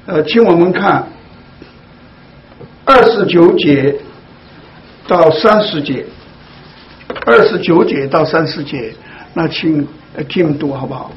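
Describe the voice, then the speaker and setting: A man with a high-pitched voice leads a Bible study, talking slowly and with many fillers as he explains scripture to a church group. The recording is dull and muffled, with a faint hiss behind him. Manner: slow, deliberate, with frequent fillers. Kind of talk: Bible teaching to a congregation.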